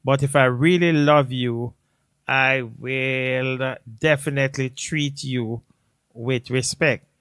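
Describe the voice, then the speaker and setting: A man talks slowly and thoughtfully in a casual live-stream chat, often pausing on fillers and restarting his sentences. The recording is dry and close. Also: mid-range voice, steady tone, fairly bright tone, clear, resonant tone, dry recording. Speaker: co-host.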